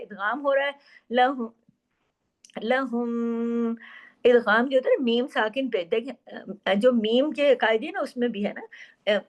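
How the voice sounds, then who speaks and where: A woman teaching Quran recitation rules, explaining patiently, asking and answering her own questions, and stretching words slowly to demonstrate. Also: sits high. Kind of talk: tajweed lesson with slow demonstrations.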